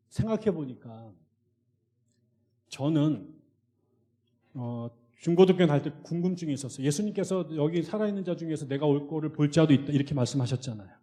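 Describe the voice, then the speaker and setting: Animated storytelling male pastor. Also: a little high, a little fast, pauses often. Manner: animated storytelling, swings between loud outbursts and hushed asides. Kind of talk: sermon.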